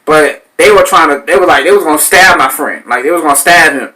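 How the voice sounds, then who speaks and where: New guy in his 30s on a podcast, bright forceful voice, cussing and acting out his stories. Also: fairly high pitch, a little fast, rough recording. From New Orleans, Louisiana. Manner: animated, swearing, acts out voices in his stories. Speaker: podcast host. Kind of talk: casual storytelling.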